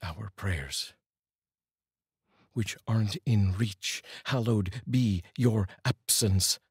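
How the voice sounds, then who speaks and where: A middle-aged man with a deep, heavily husky, slightly mellow voice reads poetry to his viewers as host and voice-over reader, speaking earnestly and deliberately. He's recorded up close on a large studio microphone in a small room, giving dry, close sound.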